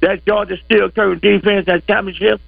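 A man's voice: high voice, fairly even intonation, a little fast, creaky, dry recording. A man calling in over the phone to a sports talk show, insistent and repeating himself as he banters. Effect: heard over a phone line. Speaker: caller. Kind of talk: casual sports call-in banter. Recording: tinny phone line.

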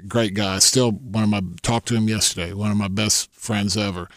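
A man's voice: on the low side, fairly even intonation, moderate pace, dry recording. Rambling storytelling man, dry sound. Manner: rambling, many restarts, laughs often, acts out quotes. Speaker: guest telling stories. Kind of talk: casual storytelling chat.

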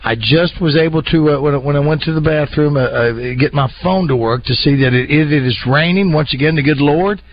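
A man's voice: on the high side, a little fast, hardly any pauses, a little hiss or hum. A man co-hosting casual radio banter in a folksy, repetitive way, on dull radio audio with music. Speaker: radio show co-host.

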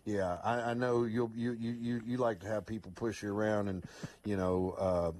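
Halting, folksy man phoning into radio. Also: lowish voice, little pitch movement, darkish tone. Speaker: radio show host calling in. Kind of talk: casual radio chat. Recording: phone call to radio show.

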